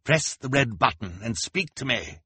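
A man voicing a cruel, gloating male villain in an audiobook, with a drawn-out, sneering delivery. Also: mid-range voice, big pitch swings, pushed and bright, husky, no echo, pitched above the performer's own voice, heavily acted. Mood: taunting. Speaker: audiobook reader. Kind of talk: audiobook character voice.

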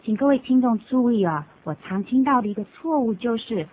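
A woman co-hosting a bilingual radio English lesson, saying English phrases slowly and clearly and adding quick explanations. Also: a little high, expressive. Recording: narrow lo-fi radio broadcast sound.

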